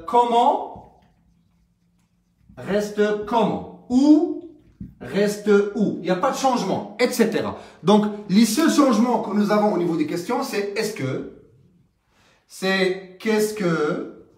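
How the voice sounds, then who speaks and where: A male teacher walks through a grammar lesson in a slow, hesitant delivery. His voice sits high and swings widely in pitch. He is recorded from a distance in an echoing room. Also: darkish tone. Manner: slow, halting explanation with many fillers and rising question tags. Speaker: French teacher. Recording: roomy, from some distance.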